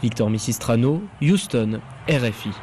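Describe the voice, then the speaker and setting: A male sports reporter narrating a scripted radio report in crisp, punchy phrases. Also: medium pitch, normal speed, noisy background.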